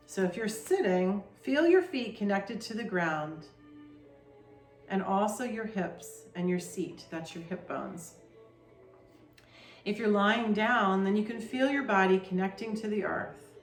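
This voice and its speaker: A woman guides a meditation in a gentle, soothing voice at a very slow, unhurried pace. Her voice sits at an ordinary middle pitch. It carries a roomy echo, with soft music faintly underneath.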